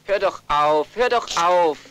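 A man's voice: high-pitched, lively intonation, unhurried, fairly bright tone, a little hiss or hum. A man dubbing a middle-aged older brother, kind and meek, fussing, often laughing and pleading. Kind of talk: German film dub.

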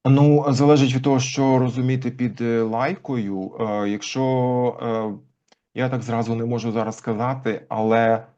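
A man as an interview guest, explaining language history thoughtfully with frequent pauses. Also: mid-range voice, fairly even intonation, mellow. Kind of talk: conversational interview. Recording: dull lo-fi recording.

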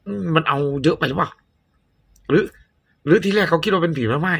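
A man's voice: fairly high pitch, a little fast, creaky, husky. A man hosting a movie reaction channel, chatting casually and rambling, with blunt opinions and frequent self-corrections. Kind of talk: casual chat.

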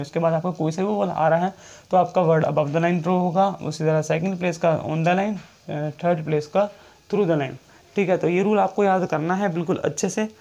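Teaching shorthand as if in a classroom, a man repeats each point, checks in frequently, and reads English rules aloud slowly. His voice leans high and sounds a little mellow.

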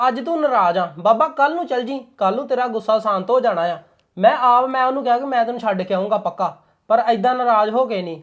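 A man plays a young Punjabi farmer with a Punjabi accent, rattling off his words at a quick clip. He sounds assertive and brushes off worries as a short-tempered husband. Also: very high-pitched. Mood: insistent. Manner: fast, assertive, dismissive when irritated. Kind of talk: Punjabi web drama acting.

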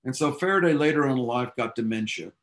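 A man with a medium-pitched, lively voice talks fast as he teaches a physics class. In this classroom lecture, he tells the story behind the science with casual enthusiasm and tosses offhand asides to his students.

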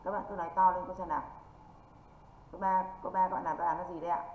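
In an online exam-prep class, a northern Vietnamese woman drills English rules and throws quick check-in questions at students, her pitch barely moving. Her voice sits a bit low. The sound is dull and echoey with faint hiss underneath.

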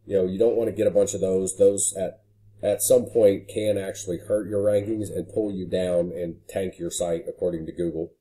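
A man's voice: low voice, fairly even intonation, moderate pace, dark tone. A man casually walking through a screen recording as a marketing consultant, talking with frequent "you know" fillers. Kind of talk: screen-share walkthrough.

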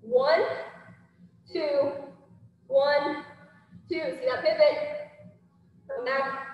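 Woman boxing coach shouting combos mid workout, really high voice, big echoey gym hall, far from mic. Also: drawn-out words, lo-fi sound, a little hiss or hum. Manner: energetic, shouting counts and cues while exercising. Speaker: kickboxing coach. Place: indoor gym with turf floor. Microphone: far camera across the room.

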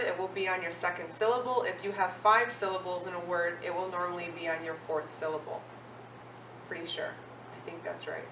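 A woman teaching a language lesson at an unhurried pace, pausing often to ask her learners if they follow. Her voice is picked up from some distance off in an echoey room with a faint hiss of background noise. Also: mid-range voice, a bit bright. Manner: patient, asks questions and checks in with "okay?". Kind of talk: classroom-style language lesson. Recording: roomy, echoey sound from a distant mic.

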